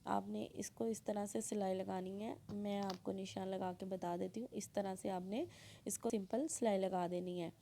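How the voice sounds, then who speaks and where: A woman teaches sewing step by step. Her sore throat makes her voice gravelly, and she clears it now and then. The tone is dark and mellow, with a faint hum of room noise behind her. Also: medium pitch, fairly even intonation, moderate pace. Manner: plain instructional, frequent throat clearing. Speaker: sewing instructor. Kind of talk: step-by-step tutorial voice-over.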